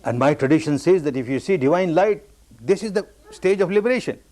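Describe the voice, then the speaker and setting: A man from Burma giving a meditation discourse, telling his own story with repeated, emphatic phrases that jump up high on the key words. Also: animated, a little fast, a little mellow. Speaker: meditation teacher.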